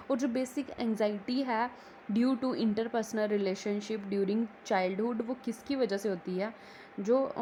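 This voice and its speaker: A woman's voice: mid-range voice, a little mellow, slight background noise, rough recording. A woman giving an exam-prep psychology lecture, switching between Hindi and English and asking herself rhetorical questions. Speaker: psychology teacher.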